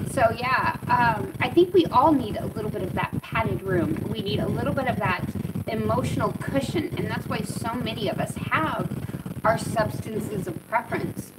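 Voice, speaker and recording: An American woman in her thirties talking casually and candidly on a patio vlog, rambling and trailing off, picked up by a camera a few meters away. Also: a little high. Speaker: vlogger. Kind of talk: casual personal vlog talk. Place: outdoor covered patio with dogs. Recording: distant mic, loud outdoor ambient noise.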